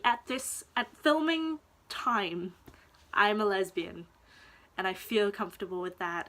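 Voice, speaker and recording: A young woman from Denmark talks slowly and thoughtfully straight to her viewers, pausing often to find her words. Her voice is bright and clear, and she takes her time in an unhurried, reflective way. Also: on the high side. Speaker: vlogger. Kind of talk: personal confessional vlog talk.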